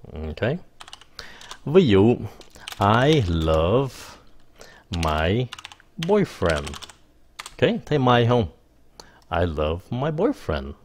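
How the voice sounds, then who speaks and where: A man's voice: mid-range voice, a little mellow. A man teaching an English grammar lesson in a casual way, explaining patiently and often correcting himself. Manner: slow, explains patiently, frequent "ok" and self-corrections.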